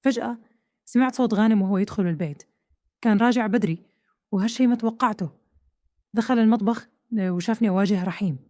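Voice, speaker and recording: A woman with a Hejazi Saudi accent tells a tense first-person story at a brisk pace. Her tone is dark and mellow, and the recording is dry and close, with no room around her. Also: mid-range voice, dry recording. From Saudi Arabia. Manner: tense, questioning, dramatic. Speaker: narrator.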